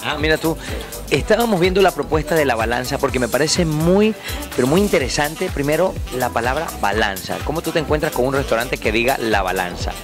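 A young man hosting an entertainment show on location in a restaurant, interviewing with a handheld mic in an upbeat, energetic way. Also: medium pitch, fairly quick, over music. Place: indoor restaurant, seated at a table.

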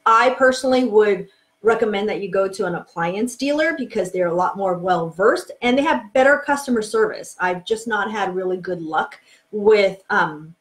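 A woman's voice: mid-range voice, normal speed. Woman, forties, mid-range voice, plainspoken renovation teacher on a webcam live stream, emphatic, lots of ums. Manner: frank, chatty, emphatic, with frequent ums. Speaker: home renovation coach. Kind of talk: casual live-video teaching. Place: home office, indoors.

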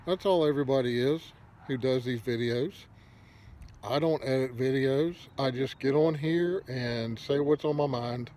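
A man's voice: mid-range voice, measured pace, a little mellow. Older man talking around a pipe. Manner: easygoing, rambling, advice-giving. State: pipe in mouth. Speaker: pipe smoking video host. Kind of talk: casual unedited monologue to camera.

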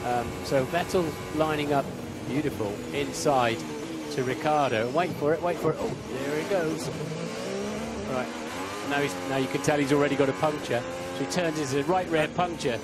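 A man commentates on motor racing in a fairly high voice. Very loud car noise runs behind him. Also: normal speed. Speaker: sports commentator. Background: racing cars.

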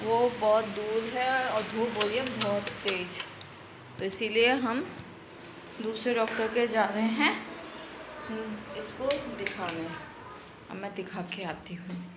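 A woman's voice: mid-range voice, slow, long pauses, noisy background. A woman in her thirties chatting through her day in a casual home vlog, filmed on a phone held at arm's length. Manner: chatty, homely narration of daily chores. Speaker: family vlogger. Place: small home rooms and street, indoors and out.

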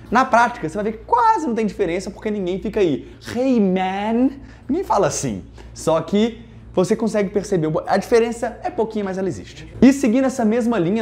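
A man's voice: sits high, darkish tone. A young man from Brazil teaching English in a casual online lesson, jokey and playful, with lots of asides.

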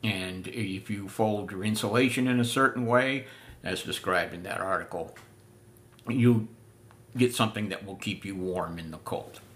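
An older man giving a casual spoken history lesson, unhurried with many filler pauses, seated in a room full of antiques. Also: fairly low pitch, fairly bright tone. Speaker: living history presenter.

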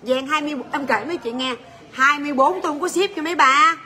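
High bright-voiced woman selling on livestream. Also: fast talker. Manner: chatty, joking, rattles off prices and buyer names. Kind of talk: livestream sales chat.

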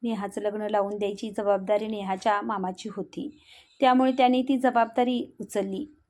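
A woman's voice: medium pitch, steady tone, moderate pace, darkish tone. A woman reading a heartfelt family story aloud, narrating steadily and speaking the characters' lines in her own voice.

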